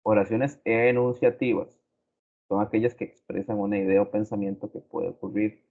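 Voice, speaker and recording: A man teaching a grammar lesson slowly and deliberately, repeating his examples. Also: fairly low pitch, steady tone. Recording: tinny phone-like recording.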